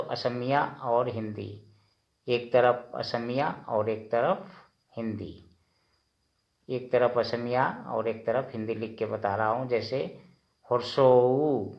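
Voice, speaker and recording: A man teaching vowel sounds, saying each sound slowly and repeating it several times. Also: medium pitch, vocal fry, roomy sound. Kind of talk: slow language lesson.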